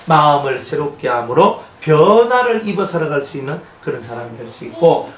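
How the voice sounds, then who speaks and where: A male pastor preaching an expository sermon, conversational and animated, often asking the congregation questions. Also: on the high side, a little fast. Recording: echoey room, mic at a distance, faint noise.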